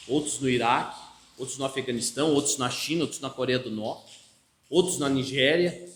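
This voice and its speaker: Brazilian pastor preaching, high voice. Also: male voice, a bit bright, reverberant. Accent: Brazilian Portuguese. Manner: emphatic preaching with frequent call-and-response "amém?". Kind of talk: expository sermon. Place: church hall.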